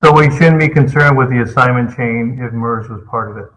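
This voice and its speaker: A man's voice: mid-range voice, a little fast, fairly bright tone, a little hiss or hum, rough recording. Man on a speakerphone line. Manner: brief, plain questions. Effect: phone on speakerphone. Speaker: caller asking questions. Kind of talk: conference call question.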